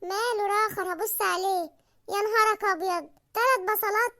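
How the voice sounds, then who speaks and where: Woman doing a super squeaky egyptian cartoon wife, naggy and sarcastic, talks real fast. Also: fairly even intonation, bright, forceful tone, heavily acted. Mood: scolding. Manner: scolding, sarcastic, quick retorts. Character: nagging thrifty Egyptian housewife, sharp-tongued and teasing. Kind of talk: cartoon comedy voice acting.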